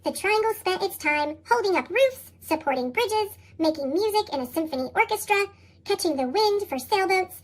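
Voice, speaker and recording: A storybook reader whose voice runs through a chipmunk effect, squeaky and sky-high. The reading hops up and down in a lively sing-song and bounces through rhyming verse. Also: moderate pace. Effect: sped-up, high chipmunk-style pitch shift. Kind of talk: reading picture books aloud.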